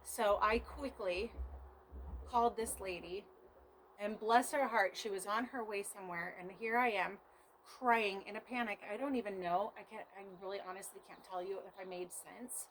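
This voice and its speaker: Speaking to her vlog camera, a homesteader recounts a frightening mishap in a shaken, earnest way, often mentioning God and prayer. Her voice is medium-pitched and fairly bright at a moderate pace, and the rough recording carries slight background noise.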